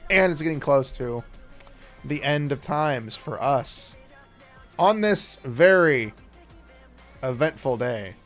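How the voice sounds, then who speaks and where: A laid-back man chatting through a gaming stream at a middling pitch, rambling loosely and trailing off as he goes. He sounds sleepy, with faint game music playing under his voice. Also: animated, slow, pauses often, a bit bright. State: sleepy, yawning. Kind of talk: casual gaming stream chat.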